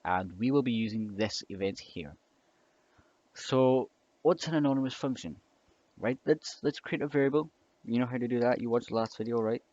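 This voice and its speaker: Typing and mouse clicks accompany a young man's mid-range, darkish voice as he gives a loose coding tutorial on a dull, dry lo-fi mic. He's a scripting tutor who hesitates, rambles and restarts often, padding with fillers.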